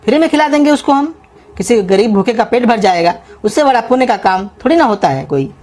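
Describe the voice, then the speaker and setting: A woman voicing a bald, self-important male street food vendor who scolds and threatens loudly in a comedy cartoon. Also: on the high side, lively intonation, brisk, background noise, lightly acted. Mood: lecturing. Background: music.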